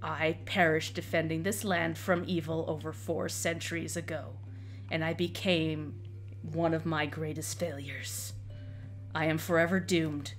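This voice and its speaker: A woman voicing a doomed, bitter undead knight in a tabletop game, with a raspy, breathy voice and a grave, menacing manner. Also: deep voice, little pitch movement, measured pace, faint music behind. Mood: grim, threatening. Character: doomed undead knight corpse, cold, bitter, centuries old. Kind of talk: in-character tabletop game role-play.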